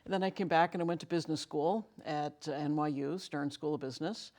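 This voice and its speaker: Woman in her 50s, guest on a local talk show, calm and matter of fact about her background. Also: low-pitched, a little fast. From United States (Connecticut). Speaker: guest, nonprofit director. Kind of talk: interview answers.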